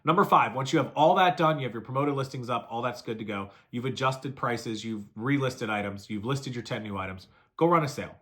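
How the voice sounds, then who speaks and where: Fast-talking man coaching resellers. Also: medium pitch, fairly bright tone. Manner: brisk, coaching, lists steps and repeats them. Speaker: reseller giving selling tips. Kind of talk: fast casual how-to talk to camera.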